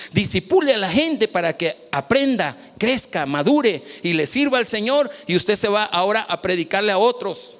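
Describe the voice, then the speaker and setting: A man, preaching a sermon as pastor, swinging from loud calls to soft, low asides. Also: long reverb tail.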